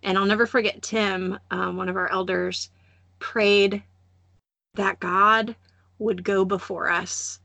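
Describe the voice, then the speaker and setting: A woman in her thirties hosts a relaxed faith podcast and tells personal stories with lively energy, slipping into other voices as she goes. Her voice has a slight gravelly fry. The sound is close and dry. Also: medium pitch, slow, no echo. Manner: animated storytelling, acts out voices and laughs often. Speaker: podcast host. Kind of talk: casual faith podcast chat.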